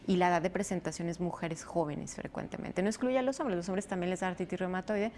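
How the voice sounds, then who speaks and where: A woman doctor answers interview questions in a lowish voice, explaining step by step with fillers here and there. Faint noise hums behind her. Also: a little mellow. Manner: explanatory, measured, frequent fillers. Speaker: rheumatologist guest.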